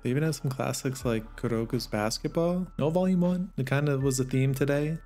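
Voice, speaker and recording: A manga vlogger narrates a casual video about the books he picked up, chatty and enthusiastic with soft laughs. His mid-range voice is a bit worn, he talks fairly quickly, and faint music plays behind him.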